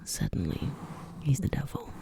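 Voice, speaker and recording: An ASMR creator rambles through her opinions in a soft, breathy whisper, deliberately repeating words and phrases.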